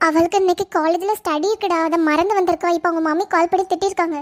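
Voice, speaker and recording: A woman's voice: extremely high pitch, fairly even intonation, rapid-fire. A young woman acting in a comedy sketch, talking in an anxious, pleading way. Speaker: sketch actor.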